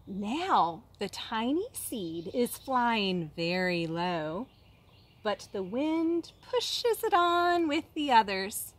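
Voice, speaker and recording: Lady teacher reading a kids book out loud, really slow, kinda high voice, expressive w/ pauses. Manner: expressive, dramatic pauses, questions to young listeners. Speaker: kindergarten teacher reading aloud. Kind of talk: children's picture book read-aloud.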